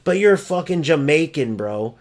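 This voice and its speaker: A man's voice: on the high side, expressive, moderate pace. A man ranting over gameplay footage, exasperated, profane and mocking as he vents about an opponent. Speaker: gaming streamer.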